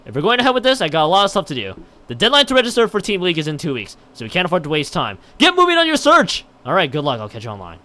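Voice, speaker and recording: Racing along with wildly swooping pitch, the streamer's high voice sounds pushed and bright. He reads a visual novel live and chats, stumbling over lines, repeating and restarting words, and leaning into dramatic emphasis.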